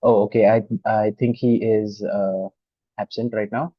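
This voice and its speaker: A man moderating a conference session online, speaking in a polite, formal way with hesitant pauses. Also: fairly low pitch, level tone, no room sound. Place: online video conference call. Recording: dull, dry online meeting audio.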